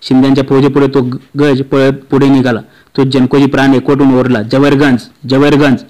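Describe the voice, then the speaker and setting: A man reads a historical novel aloud, chapter by chapter. His pitch sits in the middle of the range and hardly moves, which gives a steady, monotone delivery. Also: brisk, rough recording. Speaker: audiobook reader.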